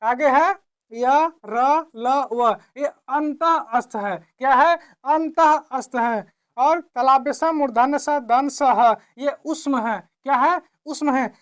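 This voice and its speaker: A woman teaching a classroom lesson, who keeps asking her own questions and answering them, repeating each point slowly. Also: fairly high pitch. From India.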